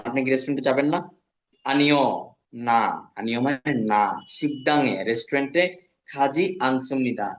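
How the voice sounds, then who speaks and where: A man teaches a beginners' language class at a middle pitch. He says each word carefully, repeats it, and then explains what it means. The recording is roomy and echoey, with a dull, lo-fi tone. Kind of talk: classroom lesson.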